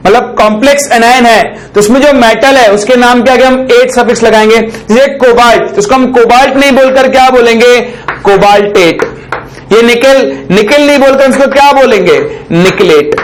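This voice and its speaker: A man teaching a chemistry lesson in a very high voice. He keeps asking his students a question and answering it himself. He dictates some phrases slowly, word by word, for them to copy down. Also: low-quality recording. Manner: dictates slowly while writing on a board; ends phrases with a checking "ठीक".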